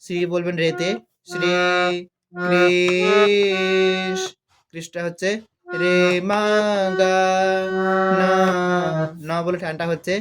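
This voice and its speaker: A man with a Bengali accent teaching a devotional song on harmonium, naming the sargam notes and singing each phrase slowly to show it. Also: sits high, flat delivery, over music. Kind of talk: music lesson, speaking and singing along. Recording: harmonium playing loudly behind the voice.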